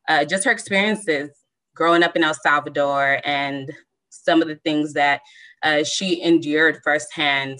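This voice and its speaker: Young woman, low bright voice, measured personal storytelling, video call guest. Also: low-quality recording. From Southern California. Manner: measured, many ums, reflective. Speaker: panel guest.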